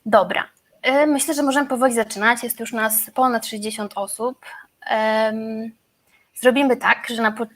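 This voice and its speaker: A woman with a Polish accent hosting and introducing an informal webinar. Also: a little high. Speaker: webinar host.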